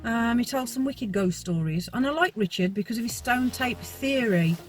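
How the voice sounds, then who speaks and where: A woman's voice: fairly high pitch, lively intonation, normal speed, distant mic, soft background music, low-quality recording. A woman hosting her own vlog, chatting casually and laughing as she trips over place names. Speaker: vlogger, host of the channel.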